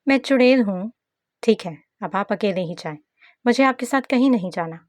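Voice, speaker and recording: A woman's voice: fairly high pitch, expressive, a little fast, a little mellow, no echo, pitched above the performer's own voice, natural voice. A woman playing a tearful anxious young bride. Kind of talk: scripted novel narration with acted dialogue.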